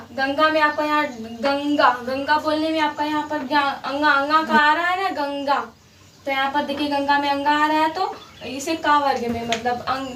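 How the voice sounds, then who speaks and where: A high-voiced woman with a fairly bright tone teaches grammar, patiently going over each example again and checking that students understand. She sounds slightly far from the mic, in an echoey room with faint background noise.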